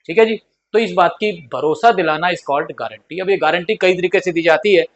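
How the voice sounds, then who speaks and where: A man with a high voice teaches accounts at a moderate pace in a classroom lecture style, repeating key points and mixing in terms. He drills points repetitively and acts out pleading partners. The audio is dull, with a little hiss or hum.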